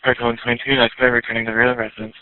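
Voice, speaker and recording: A man's voice: medium pitch, big pitch swings, rapid-fire, gravelly. A man working as a police dispatcher, reading back calls in clipped radio phrases over a police radio channel. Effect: police radio transmission. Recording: narrowband police radio with faint static.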